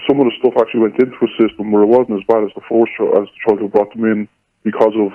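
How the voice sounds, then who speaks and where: Man with disguised voice, fast talker, tinny phone-like line. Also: on the low side, level tone. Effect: electronically disguised voice. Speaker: father of a schoolboy. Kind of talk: recorded radio interview.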